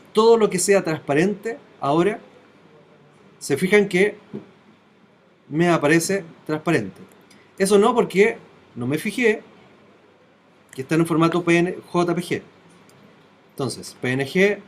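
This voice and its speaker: A man, teaching in a classroom. He takes the software one step at a time and often stops to ask whether his students are following. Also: fairly high pitch. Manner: talks step by step, checking in with students. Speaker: web design teacher.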